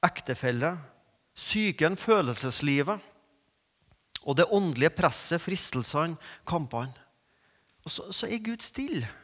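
A man preaching a sermon, moving from quiet reflection to emphatic, rising peaks. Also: fairly high pitch, sing-song, long pauses. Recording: long reverb of a large hall.

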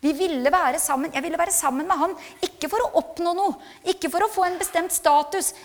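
Middle-aged woman, sermon testimony, earnest and reflective, high gravelly voice, long church-hall reverb. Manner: earnest and reflective, with hesitant fillers and rising emphatic passages. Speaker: speaker giving a church testimony.

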